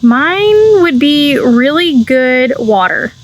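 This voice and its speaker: Chatty woman, high voice. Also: sing-song, slow pace, a little hiss or hum. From Texas. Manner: warm-hearted, laughs easily, chatty. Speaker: homesteading channel co-host. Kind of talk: casual chat.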